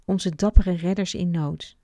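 Shy storybook girl, small and nervous, gravelly undertone, read by a woman. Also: medium pitch, fairly even intonation, unhurried, warm tone, no echo, natural voice. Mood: timid. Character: timid young girl with an inflatable crocodile.

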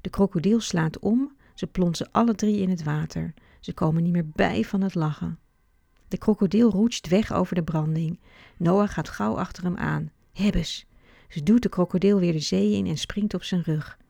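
Woman narrator, mellow and gravelly, calm storybook reading, dry close sound. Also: lowish voice, moderate pace, no echo. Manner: calm, steady read-aloud.

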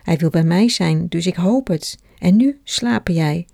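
A woman reading the lines of a shy, loving mother in a children's storybook, in a low, slightly creaky voice. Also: unhurried, a little mellow, no echo, studio quality. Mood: tender. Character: warm adult mother, shy and in love.

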